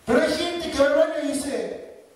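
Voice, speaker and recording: Rioplatense pastor, high-pitched man, wry and mocking, heard from afar in a reverberant church. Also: moderate pace. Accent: Rioplatense Spanish. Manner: joking, mocking, acts out quoted voices. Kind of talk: sermon. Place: church hall. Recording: echoey church from a distance.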